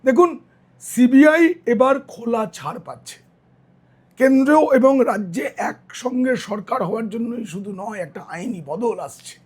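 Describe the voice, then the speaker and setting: A middle-aged male journalist giving political news commentary, hoarse and tired, speaking earnestly straight to his viewers. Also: extremely high pitch, animated, unhurried, darkish tone. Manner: earnest, direct address to viewers.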